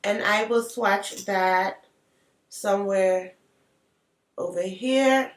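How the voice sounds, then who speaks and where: A woman's voice: medium pitch, extremely slow. A woman with an African accent, chatting casually through a makeup tutorial with playful asides. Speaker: beauty vlogger. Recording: roomy sound, mic at a distance.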